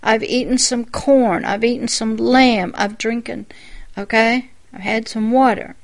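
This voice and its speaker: A woman pastor giving a sermon-style personal testimony, telling the story in a reflective way with quiet asides. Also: a little high, measured pace.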